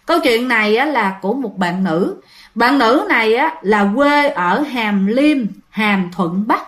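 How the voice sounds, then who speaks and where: A woman narrates ghost stories in a chatty, dramatic manner. Her voice sits high, and she keeps speaking straight to her listeners. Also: lively intonation, a little slow. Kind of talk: casual storytelling to listeners.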